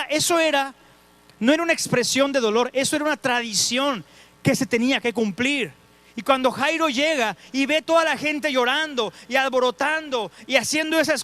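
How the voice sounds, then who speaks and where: A man's voice: very high-pitched, a bit bright. A male pastor preaching a sermon in a church auditorium, earnest, speaking straight to the congregation and repeating words for emphasis.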